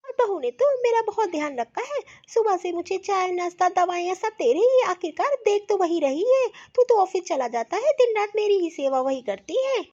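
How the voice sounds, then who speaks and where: Woman putting on a kindly old cartoon mother-in-law, soft and fond, lively high voice, kinda muffled lo-fi sound. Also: moderate pace, hardly any pauses. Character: older gentle caring mother-in-law. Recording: dull lo-fi audio.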